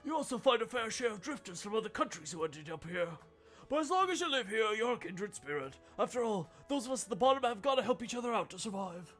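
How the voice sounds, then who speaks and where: A woman's voice: fairly high pitch, big pitch swings, fast talker, soft background music, voice pushed up. A woman voicing a kindly, philosophical downtown resident in video game dialogue. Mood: earnest, philosophical. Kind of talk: video game dialogue read aloud by a streamer.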